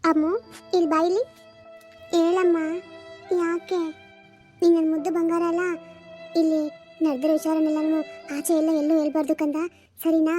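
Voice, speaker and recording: A woman playing a burdened young mother who soothes her daughter softly in a homemade family drama. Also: extremely high pitch, little pitch movement, normal speed, long pauses, faint music behind. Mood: soothing. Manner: soft and coaxing.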